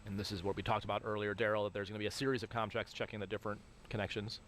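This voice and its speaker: A man's voice: on the low side, level tone, racing, a bit bright, a little hiss or hum. A man giving live explanatory commentary as an expert on a launch broadcast.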